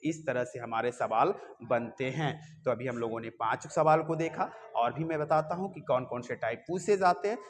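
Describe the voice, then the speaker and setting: A man's voice: mid-range voice, moderate pace, hardly any pauses, in a large hall, a little hiss or hum. A man teaching a reasoning class in a coaching classroom, coaxing his students and checking often that they follow. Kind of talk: classroom lecture.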